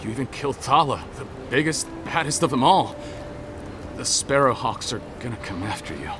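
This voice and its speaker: A man's voice: mid-range voice, big pitch swings, normal speed, background noise, lightly acted. A man playing a nervous, stammering apothecary. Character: frightened male apothecary, timid and stammering. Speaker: apothecary shopkeeper. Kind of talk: video game voice acting.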